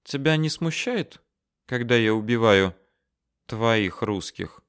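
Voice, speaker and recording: A man voicing a calm, menacing male desert soldier officer who talks softly and mockingly. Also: medium pitch, takes it slowly, clear, resonant tone. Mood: coolly mocking. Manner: soft, coolly mocking.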